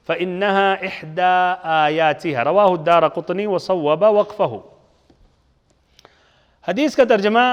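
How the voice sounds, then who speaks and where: Guy teaching hadith, high voice, lots of hall echo, asks the class then answers himself. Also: smooth. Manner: explains step by step, asks the class questions and answers them. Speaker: Islamic teacher. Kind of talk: hadith lesson lecture. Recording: long hall reverb.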